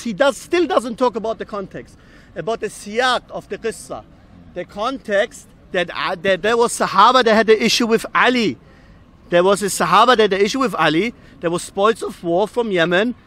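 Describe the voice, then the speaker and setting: A man in a lively street debate outdoors, addressing a crowd as brothers and sisters. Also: high voice, normal speed. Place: outdoors at a public park.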